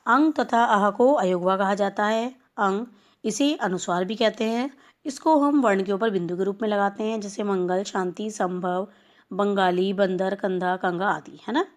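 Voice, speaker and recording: A woman teacher giving a recorded lesson to young schoolchildren, speaking slowly and spelling out each sound one by one. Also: medium pitch. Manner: slow, explanatory, spelling out sounds. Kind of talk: recorded class lesson for children.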